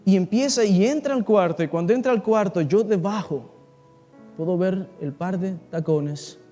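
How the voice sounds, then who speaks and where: A man with a high voice delivers an impassioned sermon, telling a personal story and calling out to his listeners. He speaks in a large assembly hall, and the long reverb carries his words over faint music. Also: moderate pace, dark tone. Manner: impassioned, addresses listeners directly. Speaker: pastor.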